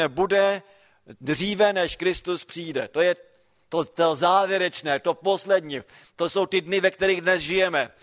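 A man preaching a sermon, posing rhetorical questions and moving between quiet explanation and emphatic calls. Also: fairly high pitch.

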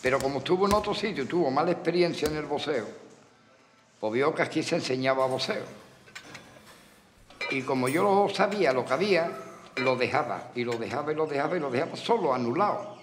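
A man's voice: on the high side, lively intonation, a little fast, big-room sound, a little hiss or hum. A man, a boxing trainer, speaking in an interview with an earnest, repetitive, folksy manner. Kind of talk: documentary interview.

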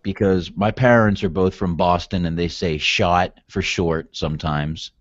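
A man's voice: low-pitched, normal speed, no echo. A man co-hosting a casual wrestling chat podcast, laid-back and swearing freely. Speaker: podcast co-host. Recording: dull, dry lo-fi sound.

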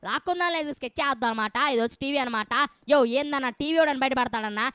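A woman giving excitable, playful gameplay commentary straight to her viewers. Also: high-pitched, rapid-fire, smooth, no room sound, studio quality. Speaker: gameplay streamer.

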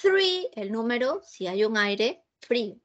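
A woman's voice: on the high side, expressive, unhurried, fairly bright tone, lo-fi sound. A woman with a Peruvian Spanish accent teaching English over a video call, patiently repeating herself and checking that students understand. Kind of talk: online class, mixing Spanish and English.

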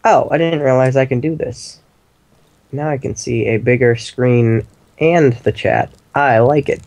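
A man co-hosting a game stream as commentator, goofy and jokey with deadpan asides. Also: medium pitch, a little slow, no room sound. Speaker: co-host commentator. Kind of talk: casual let's-play chat.

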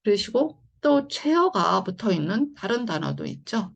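A woman teaches phonics in a patient, repeating way, and her voice has a gravelly, husky edge. Her pitch moves a lot as she explains each step. The recording sounds dull and lo-fi. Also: very animated, normal speed. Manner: patient, repetitive explaining with frequent "자" and "네". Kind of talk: online phonics lesson.

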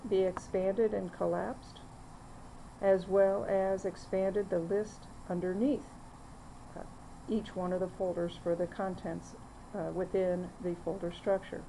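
A woman narrating a screen-recorded software demo, walking through the steps plainly with frequent fillers. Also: mid-range voice, flat delivery, a little slow, vocal fry, slight background noise, rough recording. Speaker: software demonstrator.

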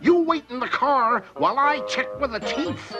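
A shrill paranoid cartoon detective. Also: male voice, animated, moderate pace, loud music behind the voice. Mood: suspicious. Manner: suspicious, officious.

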